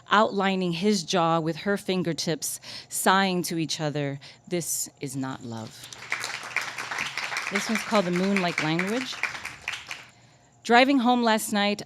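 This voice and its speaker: A woman poet giving a live reading at a coffee shop. She reads her poems in a deliberate, measured way and chats casually and self-deprecatingly between them. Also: lowish voice, slight background noise.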